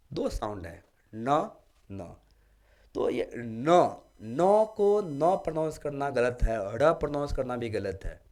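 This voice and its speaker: Teacher lecturing, slightly raised voice. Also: male voice, on the high side. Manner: explanatory, asks students rhetorical check-in questions. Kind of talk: classroom lecture.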